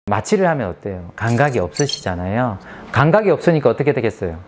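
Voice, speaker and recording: A man's voice: mid-range voice, sing-song, fast, over music. A man speaking as a dentist, explaining patient aftercare in an emphatic way and asking rhetorical questions.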